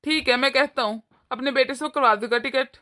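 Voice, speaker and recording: A woman doing an older cartoon father-in-law, calm and moralizing, with a high voice that stays bright and forward, patient and fatherly as he talks his wife through what went wrong. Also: a little fast. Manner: lecturing, gentle moralizing. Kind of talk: cartoon voice acting.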